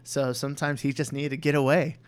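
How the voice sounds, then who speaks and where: A man's voice: medium pitch, level tone, fairly quick, clear, resonant tone. Young male podcast co-host, resonant clean voice, loose rambling delivery with constant fillers. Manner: rambling, full of "you know" and restarts. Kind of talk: candid personal chat.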